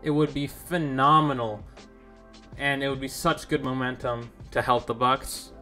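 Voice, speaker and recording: A man's voice: medium pitch, steady tone, measured pace, sharp tone, faint music behind. A young man giving rambling, casual commentary over his own gameplay, easily confused and self-deprecating. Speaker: gaming YouTuber.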